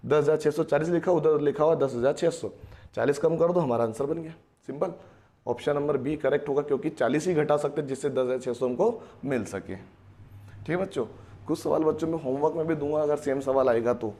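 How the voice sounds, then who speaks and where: A man's voice: on the high side, a little fast, warm tone. A man teaching a math lesson to children, explaining step by step and answering his own questions. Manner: explains step by step, often asks and answers himself; addresses students as children, repeats key phrases.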